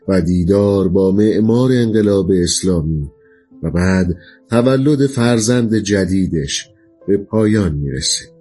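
A man calmly introducing an audiobook excerpt in a measured, scripted way. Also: fairly low pitch. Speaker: audiobook program presenter.

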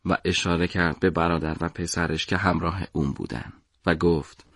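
A man narrating a story for an audiobook in a measured, dramatic way. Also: deep voice, fairly even intonation, gravelly, fairly bright tone, no echo, clean studio sound.

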